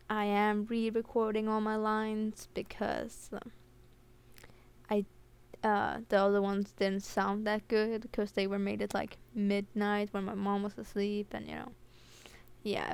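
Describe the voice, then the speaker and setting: A woman's voice: medium pitch, gravelly, clear, resonant tone. A young woman with a slight lisp giving a rambling, self-deprecating school presentation, recorded at home on a computer headset that picks up her breathing. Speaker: student presenter.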